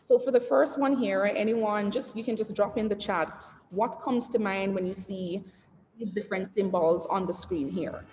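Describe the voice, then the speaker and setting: A woman CEO with a slightly mellow, mid-range voice speaks at a moderate pace in an interactive online branding presentation for entrepreneurs. Conversational throughout, she asks the audience things, reads the chat aloud, and tacks "et cetera" onto lists. The space sounds roomy and echoey, with a trace of noise.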